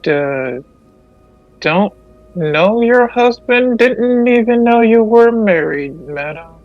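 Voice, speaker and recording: A man's voice: high voice, animated, takes it slowly. A man playing a tabletop game, improvising casual in-character dialogue through a dull voice channel.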